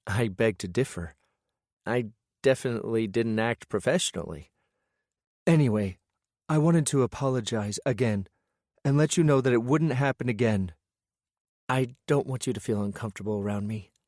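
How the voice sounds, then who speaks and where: A man voicing a soft-spoken young woman. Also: medium pitch, normal speed, dry recording, clean studio sound, pitched above the performer's own voice, lightly acted. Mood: apologetic. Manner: soft, hesitant. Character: young woman, gentle and apologetic. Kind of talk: audiobook character voice.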